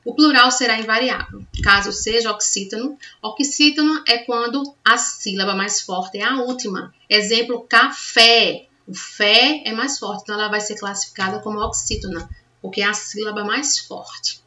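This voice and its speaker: A woman's voice: mid-range voice, moderate pace, bright, forceful tone. A woman teaching a grammar lesson, patiently checking understanding with the class as she goes. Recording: distant, dull lo-fi sound.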